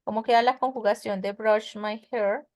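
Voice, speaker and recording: A woman's slightly high, a little mellow voice keeps fairly even intonation at a moderate pace, in clean studio sound with no room sound. She teaches English grammar in an online web conference class, patiently working step by step and checking with students through many questions.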